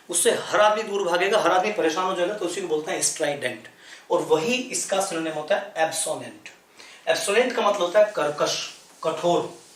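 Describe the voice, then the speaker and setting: Recorded with a roomy sound, a man with a high, slightly bright voice gives an explanatory English vocabulary lesson. He says words more than once, spells each one letter by letter, and asks rhetorical questions.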